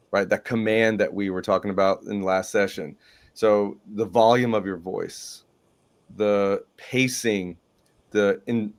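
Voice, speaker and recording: A man hosting a sales training talk, enthusiastic and emphatic, often checking in with "right?". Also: on the low side. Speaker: podcast host. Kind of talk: business training discussion.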